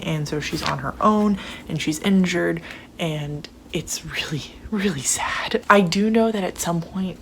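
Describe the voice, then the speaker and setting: A woman's voice: fairly low pitch, creaky, noisy background. A young adult woman talking casually in a chatty vlog as a book reviewer.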